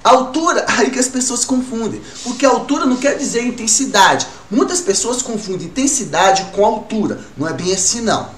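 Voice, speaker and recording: Man, music teacher, lively question-and-answer style, echoey room, distant mic, faint noise. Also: very high voice, a little fast, few pauses. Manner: lively, talks to pupils as "gurizada", asks and answers his own questions. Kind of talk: recorded online class for kids.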